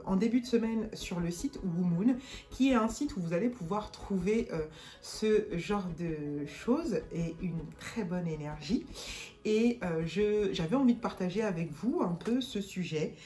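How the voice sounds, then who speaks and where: A woman's voice: fairly low pitch, darkish tone. A woman vlogger chatting casually through an unboxing, hesitant with many fillers and restarts. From France.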